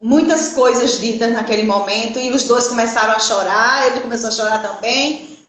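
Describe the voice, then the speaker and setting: A middle-aged Brazilian woman telling a personal church testimony in an earnest, halting way, with many restarts. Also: on the high side, a bit bright. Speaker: guest giving a church testimony. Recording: very echoey room.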